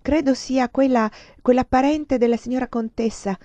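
A woman's voice: high voice, fairly even intonation, normal speed, warm tone, dry recording, voice pushed up, lightly acted. A woman voicing a frightened young maid who speaks hesitantly, with trembling lips. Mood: nervous. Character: frightened young female servant, stammering. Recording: dull lo-fi dry recording.

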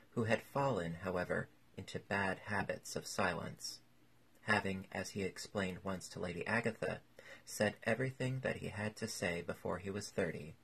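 A man narrating a classic novel as an audiobook in a measured, even reading. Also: low-pitched, gravelly, slightly rough, low-quality recording.

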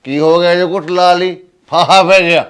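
A man's voice: high voice, steady tone, normal speed, fairly bright tone, clear, resonant tone. An actor playing a surly, drunk young husband who talks back defiantly to his mother. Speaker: son and husband. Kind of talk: village family drama acting.

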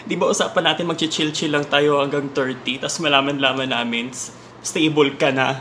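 Young filipino dude casual comic rant, bright voice kinda high. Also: male voice, fairly even intonation, a little fast, slight background noise. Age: 20s.

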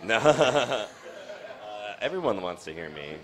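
A young man hosting a casual soccer post-game chat in a bar, talking with lots of restarts and jumps in pitch. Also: big pitch swings, slow pace, a crowd in the background. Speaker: soccer show host. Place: dim bar. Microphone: studio mic on stand with foam cover, headphones.

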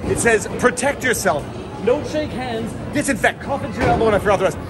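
A man's voice: extremely high pitch, a little fast. A man in his thirties vlogging on a phone camera in a bowling alley, chatting and explaining his bowling technique. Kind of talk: casual vlog at a bowling alley. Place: large indoor bowling alley. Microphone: phone camera at arm's length. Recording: noisy bowling alley with music. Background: loud crowd and music.

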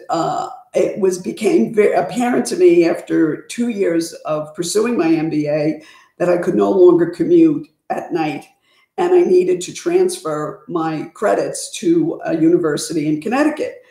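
A woman's voice: lowish voice, dark tone. An older woman on a headset mic at home, talking measuredly with frequent fillers as a panelist on a video call. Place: home room indoors. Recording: roomy video call audio.

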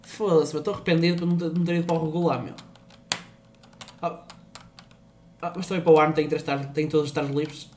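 A man's voice: a little high, level tone, quick pace, long pauses, a little mellow, slight background noise. A young man with a European Portuguese accent, streaming a game in casual chat, swearing a lot, teasing and loose.

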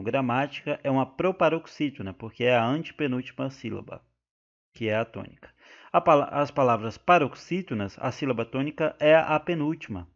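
A man with a Brazilian Portuguese accent teaching an exam-prep grammar lesson, explaining step by step, often turning to his listeners and checking that they follow. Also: mid-range voice. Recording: muffled lo-fi recording.

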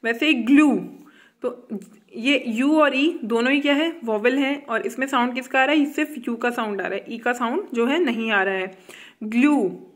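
Indian woman teacher, fairly high voice, slow on English lines, quizzes students. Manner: slow when reading English text aloud; repeats "ठीक है" and asks quiz questions. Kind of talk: explaining a grammar lesson.

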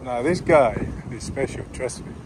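A man's voice: mid-range voice, animated, moderate pace, background noise. A man vlogging outdoors with a handheld camera, chatting casually in a teasing, playful way and laughing often. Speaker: auditing vlogger filming with camera. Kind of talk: casual chat while filming outdoors. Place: outdoors on a city street.

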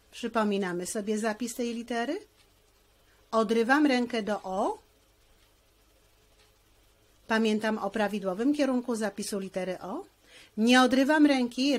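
A woman teacher walks through a handwriting lesson at an unhurried, careful pace. Her voice sits a little high, and she explains each stroke patiently, step by step.

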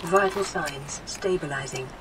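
A woman voicing a calm, gentle suit AI in a video game, with a synthetic computer tone and a soft, even, reassuring delivery. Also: deep voice, a little slow, very noisy. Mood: soothing. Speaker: game assistant voice. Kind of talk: scripted game system lines.

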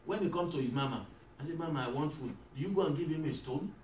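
A man with a high voice preaches a sermon in an echoey church hall, the mic a little far off. He calls out questions for the congregation to answer and builds to shouts. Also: fast, a little hiss or hum. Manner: call-and-response preaching, rising to shouts. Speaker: pastor.

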